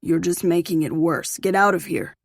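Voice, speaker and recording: A woman's voice: on the low side, fairly even intonation, normal speed, dry recording, studio quality. A woman voicing a jealous, defensive teenage boyfriend with clipped, bitter lines.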